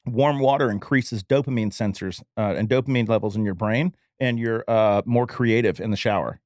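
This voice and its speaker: A man's voice: on the low side, normal speed, darkish tone, no room sound, clean studio sound. A man co-hosting a podcast in casual banter, rambling loosely and dropping offhand facts. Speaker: podcast co-host.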